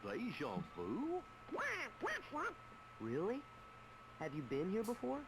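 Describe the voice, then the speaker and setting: A man playing an exaggerated, gravelly animal character in the style of a 1930s cartoon, through an old-timey audio filter. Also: on the high side, huge pitch swings, takes it slowly, background noise, full character voice. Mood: puzzled.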